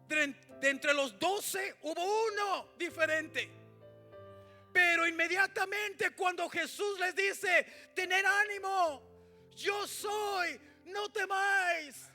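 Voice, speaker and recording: In church, a male pastor with an extremely high-pitched voice preaches a sermon, alternating shouted lines with hushed asides and repeatedly calling out to the congregation.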